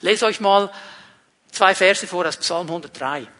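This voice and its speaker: Guy preaching a sermon, emphatic, goes loud then drops soft, high bright voice. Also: measured pace. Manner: earnest, emphatic, shifts between loud and soft.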